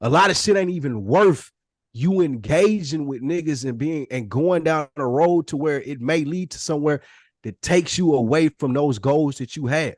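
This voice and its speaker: Man, podcast co-host, plain pitch, blunt and emphatic, casual swearing, very dry close sound. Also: moderate pace, no echo.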